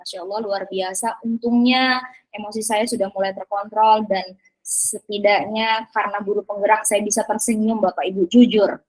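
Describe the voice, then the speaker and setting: A woman's voice: mid-range voice, fairly even intonation, normal speed, rough recording. A woman teacher presenting to fellow teachers, talking with many fillers and tag questions.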